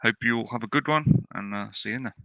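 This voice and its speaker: A man's voice: medium pitch, fast, sharp tone, no room sound, poor audio. A man leading an online game operation, speaking in clipped military-style radio procedure over voice chat.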